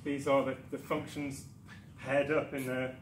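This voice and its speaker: In an echoey lecture room with background noise, a Newcastle man gives a conference presentation, heard through a far camera. His mid-range voice is flat and unhurried, yet his manner is chatty and self-deprecating, with plenty of ums and restarts.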